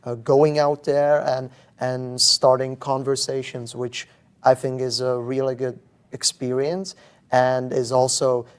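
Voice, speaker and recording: A young man from the Czech Republic, a native Czech speaker, answers interview questions in a steady, flat tone. He searches for words, repeating and restarting phrases as he thinks aloud. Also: medium pitch, a little slow, clean tone. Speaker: guest, museum visitor. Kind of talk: casual interview.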